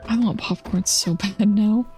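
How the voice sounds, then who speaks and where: A woman's voice: mid-range voice, steady tone, unhurried, mellow, soft background music. A woman streamer chatting casually to her viewers while playing a game. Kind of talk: casual gaming chat.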